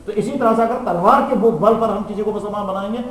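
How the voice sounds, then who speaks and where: High-voiced preacher in an echoing hall. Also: male voice. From Kashmir. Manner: storytelling with rhetorical questions. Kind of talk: storytelling sermon. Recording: echoey hall with long reverb.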